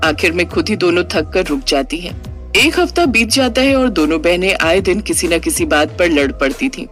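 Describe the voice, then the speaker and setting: A woman narrating a scripted cartoon story in a lively storytelling manner. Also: on the low side, moderate pace, soft background music.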